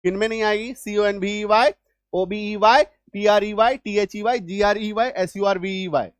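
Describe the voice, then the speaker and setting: A man's voice: high voice, steady tone, normal speed, clean tone, dry recording. Repetitive male English teacher. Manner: repetitive, checks understanding often. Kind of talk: classroom-style spelling lesson.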